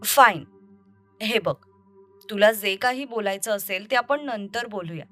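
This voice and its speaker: A woman voicing a young woman who is defensive and tense while being exposed, over soft music. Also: medium pitch, a little slow, natural voice. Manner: tense, pleading for him to leave. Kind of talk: audio story reading.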